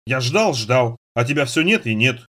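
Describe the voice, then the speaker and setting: A man's voice: medium pitch, lively intonation, moderate pace, a bit bright. A man reading an audiobook voices a shy young man who mumbles earnestly. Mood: tender.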